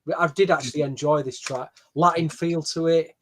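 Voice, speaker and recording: A man's voice: on the high side, fairly even intonation, fairly quick. A man reviewing album tracks bluntly in a casual podcast chat. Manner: blunt and opinionated. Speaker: podcast co-host.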